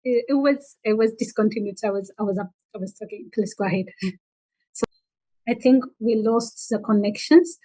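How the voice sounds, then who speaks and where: A woman's voice: medium pitch, moderate pace, warm tone, rough recording. A woman moderating an online workshop in a polite, hesitant way. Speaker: webinar moderator.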